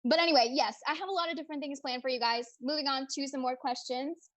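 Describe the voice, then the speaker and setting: Young woman streaming from home, high voice, bubbly and chatty, reading out comments from the chat. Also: quick pace. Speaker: livestream host. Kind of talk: casual livestream chat.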